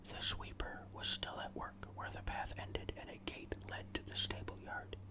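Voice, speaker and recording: Someone reads a ghost story in ASMR style, using a hushed, fully unvoiced whisper that is deliberate and full of suspense.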